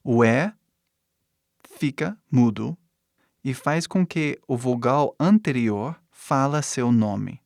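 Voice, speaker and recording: A man's voice: mid-range voice, animated, slow pace, creaky, a little mellow, no echo, studio quality. A male teacher, explaining pronunciation in a video lesson and checking in with "né?" as he goes. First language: English. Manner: explanatory, frequent "né?" and "tá?" tags. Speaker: English teacher.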